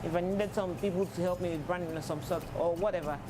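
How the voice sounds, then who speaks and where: A young Nigerian man who works as a fashion designer, giving thoughtful, measured interview answers with frequent pauses. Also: high voice, steady tone, over music. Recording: noisy outdoor urban recording. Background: street and vehicle noise.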